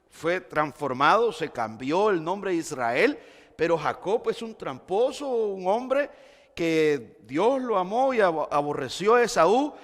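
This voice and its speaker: A man preaching a sermon, moving from quiet explanation to loud, impassioned exclamations. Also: high-pitched. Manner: impassioned, swings between quiet and shouting. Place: church sanctuary. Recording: church hall reverb.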